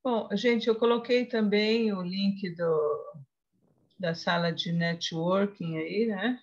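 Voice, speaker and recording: A woman moderating an academic session over a video call. She speaks softly and lets her sentences trail off. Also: medium pitch, slow, highs cut off.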